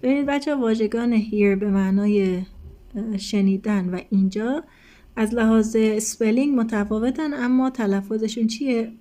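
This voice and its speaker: A woman's voice: fairly high pitch, warm tone. A woman teacher explaining an English textbook lesson step by step, patiently addressing her students.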